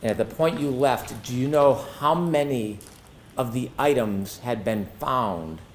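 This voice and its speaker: A man's voice: medium pitch, a little slow. Formal male attorney questioning, noisy room sound. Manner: formal, precise, methodical. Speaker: prosecuting attorney. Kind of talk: courtroom witness questioning. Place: courtroom.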